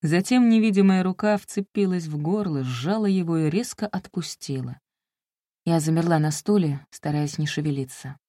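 A woman reads a first-person audiobook with wry, self-mocking storytelling. Her voice is lowish, warm and mellow. The recording is close and dry. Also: no echo. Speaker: audiobook narrator.

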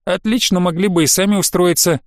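Grumbling sarcastic teen boy, read by a male narrator; fairly high, dry close sound. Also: fairly even intonation, a little fast, no room sound, lightly acted. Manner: grumbling, dismissive. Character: sulky sarcastic teenage boy.

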